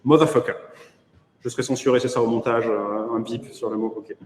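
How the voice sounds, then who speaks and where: A man's voice: medium pitch, level tone, brisk. A man with a French accent giving a conference keynote online, hesitant with many fillers and wry asides. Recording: echoey room with long reverb.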